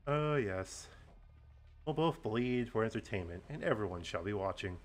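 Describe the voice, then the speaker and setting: A man plays a theatrical game villain who savours every taunt with slow, gleeful menace. The pitch swoops widely from line to line, mocking and grand, as the puppeteer toys with a victim. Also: animated, faint music behind, natural voice. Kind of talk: character voicing in a game read-along.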